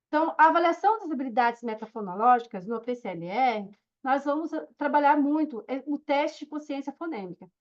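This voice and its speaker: A woman with a high voice teaches an online course. She explains things step by step and keeps checking in with her students. The audio sounds dull and lo-fi. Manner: explanatory, checks in with listeners often. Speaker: course instructor. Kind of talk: recorded online lesson.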